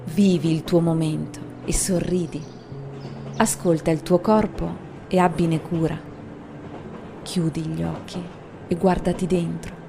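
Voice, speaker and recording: Slow, gravelly-voiced woman reciting. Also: deep voice. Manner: calm, deliberate reading. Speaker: narrator. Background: faint music.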